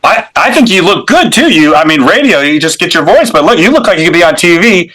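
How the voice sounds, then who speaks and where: Man, fairly high voice, show host, enthusiastic, gushing. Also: very animated, a little fast, sharp tone, poor audio. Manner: enthusiastic, effusive. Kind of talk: casual interview hosting.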